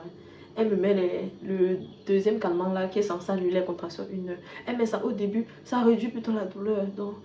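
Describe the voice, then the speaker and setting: A woman vlogger casually retelling a personal story, switching from loud bursts to soft asides. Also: on the low side. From Cameroon. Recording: echoey room, dull lo-fi sound with faint hiss.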